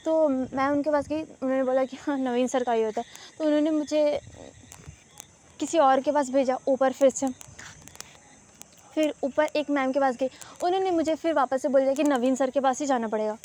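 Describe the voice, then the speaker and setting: A woman's voice: high voice, steady tone, normal speed, dark tone. A young woman telling a sarcastic, ranting storytime vlog, dropping English words in. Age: young adult. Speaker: vlogger.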